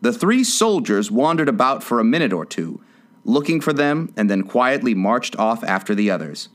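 A man reads a classic children's tale aloud with a lively, expressive voice that swings up and down. His pitch sits at a middling level. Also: normal speed. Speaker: audiobook narrator. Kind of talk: storybook reading.

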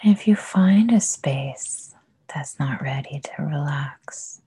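A woman whispering a guided meditation, soft and soothing with long pauses. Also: low voice, husky, no room sound.

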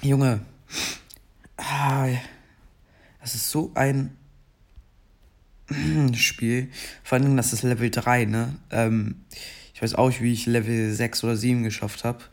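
A young man who makes gaming videos chats casually and rambles slowly as he plays, then erupts in frustration now and then. His voice is medium in pitch, level, slightly dark, and scratchy like he just woke up.

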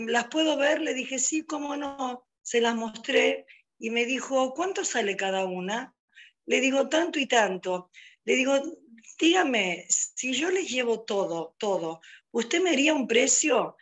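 A woman with an Argentine accent telling a personal story over a video call, acting out the dialogue as she goes. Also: fairly high pitch. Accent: Argentine Spanish. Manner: lively retelling, acting out quoted dialogue. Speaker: storyteller sharing a personal testimony.

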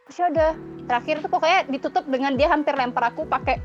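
Perempuan bersuara tinggi yang bercerita lincah. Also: female voice, sits high, fast talker. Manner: lively, laughs often, acts out quoted dialogue. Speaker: guest. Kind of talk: casual storytelling chat. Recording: dull lo-fi sound with faint music.

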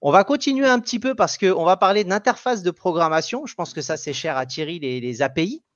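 A man's voice: sits high, expressive, a little fast, no room sound, dull audio. A man hosting a casual tech podcast, explaining news with many fillers and restarts. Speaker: podcast host.

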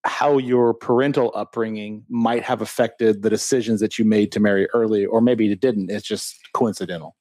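Guy hosting, low voice, long rambly questions, dry sound. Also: steady tone, normal speed, hardly any pauses, dark tone, no room sound. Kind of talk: interviewing guests.

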